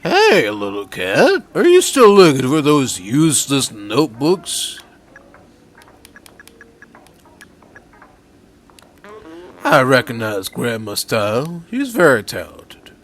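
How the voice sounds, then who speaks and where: A man's voice: mid-range voice, wildly swooping pitch, unhurried, a bit bright, slight background noise. A man voicing a lonely, despondent male robot in a mournful old-man voice, reading game dialogue aloud. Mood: wistful.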